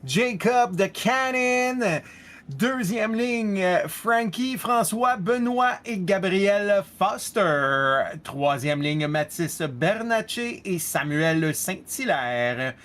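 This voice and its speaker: High-voiced Québécois race commentator. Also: male voice, animated, a bit bright. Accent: Québécois French. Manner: reads lineups slowly, mixes in English words. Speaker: color commentator.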